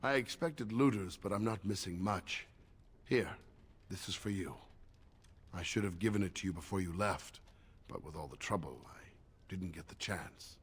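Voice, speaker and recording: A man playing a fond, fatherly older elf in a video game, speaking in a tender, doting manner with a husky voice. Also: deep voice, moderate pace.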